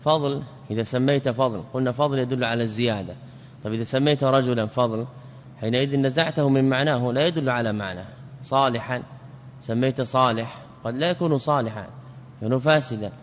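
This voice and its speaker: A man's voice: medium pitch, a little hiss or hum. A man giving a classical grammar lesson, who explains by repeating words and asking himself questions. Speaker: teacher of Arabic grammar. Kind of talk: classical lecture. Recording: dull lo-fi audio with reverb.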